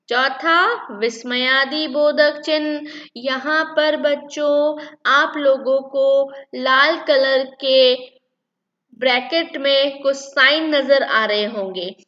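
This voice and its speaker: Slow high-pitched woman teaching children. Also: sharp tone, dull audio. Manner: repeats key points and asks then answers her own questions. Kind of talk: classroom-style lesson for children.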